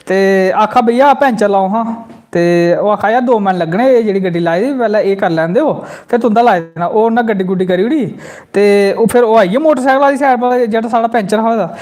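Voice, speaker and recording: On his comedy channel's live stream, a Jammu host with a Dogri accent speaks quickly in a high voice. He tells a comic story, reads out viewer comments, and bursts into lively quoted voices.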